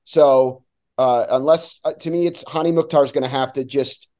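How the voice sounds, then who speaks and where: A guest on the show, this American play-by-play radio announcer from New Jersey analyzes sports in a casual way. His medium-pitched voice is warm and steady at a normal speed, though he often restarts words while thinking aloud.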